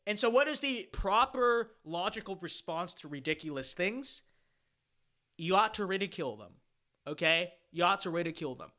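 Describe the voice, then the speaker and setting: His voice sits high, sharp and expressive, moving at a moderate pace. The man streams a reaction to his own panel debate in emphatic, dismissive fashion, rambling and opinionated with plenty of fillers and restarts.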